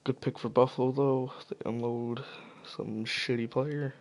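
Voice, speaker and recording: This man, who comments on hockey in videos, runs through the news alone in a loose, cursing, offhand manner and occasionally trips over names. He is losing his voice, which sounds rough and gravelly at an ordinary middle pitch, and his tone stays steady.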